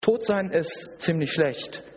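Man preaching, high voice, husky, slow and emphatic, long hall echo, dull sound. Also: expressive. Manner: emphatic, repetitive preaching with rhetorical questions. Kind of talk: sermon. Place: church service hall. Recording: dull recording in a reverberant hall.

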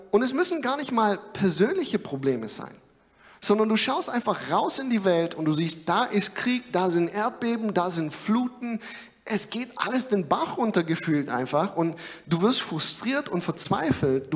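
A young man preaching a sermon in an earnest, conversational way, with frequent filler sounds. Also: high-pitched. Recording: long hall reverb.

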